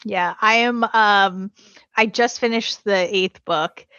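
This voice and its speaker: A woman's voice: mid-range voice, takes it slowly, sharp tone, clean tone, dry recording, muffled recording. A woman chatting casually as a podcast guest, laughing often as she talks. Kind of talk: casual chat.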